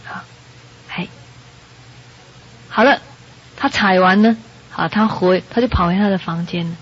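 A woman giving a Buddhist sermon to an audience, telling a story in a lively way and acting out the characters' lines. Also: mid-range voice, measured pace, husky. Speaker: Buddhist dharma teacher. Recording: dull lo-fi recording.

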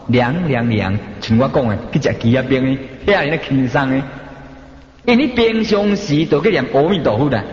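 A man speaking with a Taiwanese Hokkien accent, giving a Buddhist sermon with slow, rhythmic chanting. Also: fairly high pitch. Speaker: Buddhist teacher. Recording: dull, echoey hall.

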